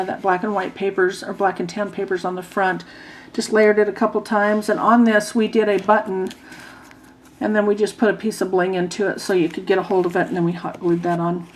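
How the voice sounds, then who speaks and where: A hoarse woman giving a casual craft walkthrough as an instructor, speaking stiffly with a sore jaw and a dry mouth. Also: medium pitch, poor audio. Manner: stiff-jawed speech, as with a sore, wired jaw. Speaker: craft class instructor presenting a tutorial.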